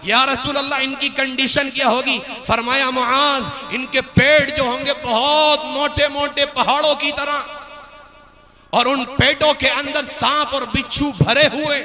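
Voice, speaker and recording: Impassioned high-voiced male preacher. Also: fairly even intonation, measured pace, bright, forceful tone. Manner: impassioned preaching, rising and falling sharply. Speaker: Islamic preacher. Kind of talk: sermon.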